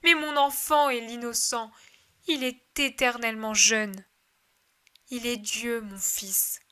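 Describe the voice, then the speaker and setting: A woman's voice: on the high side, fairly even intonation, slow, pushed and bright, clean tone. A woman reading aloud gives voice to a grieving mother who pleads and cries out in desperate faith. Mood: pleading. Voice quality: emotional pleading delivery.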